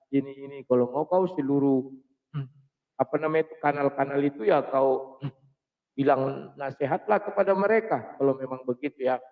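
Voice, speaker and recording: A man hosting his own channel, talking casually to his listeners as friends and clearing his throat often. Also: medium pitch. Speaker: channel host. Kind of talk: casual spoken monologue. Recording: tinny phone-like sound.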